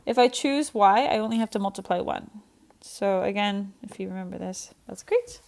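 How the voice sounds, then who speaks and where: A woman's voice: medium pitch, moderate pace, gravelly, darkish tone. A young woman teaching an online math lesson, chatty and self-deprecating as she thinks aloud.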